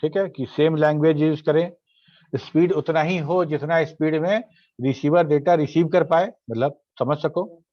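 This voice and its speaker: A male teacher lectures in an online class, explaining step by step and pausing to quiz his students. His voice sits a little high, and English definitions come out slowly with an Indian accent. The recording is dry and dull, like lo-fi audio. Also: steady tone, no room sound.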